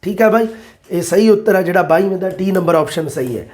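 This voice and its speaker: A man, an exam-prep teacher explaining multiple-choice answers and quoting verses slowly. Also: high voice, a little mellow. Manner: addresses listeners as "bai", quotes verses slowly.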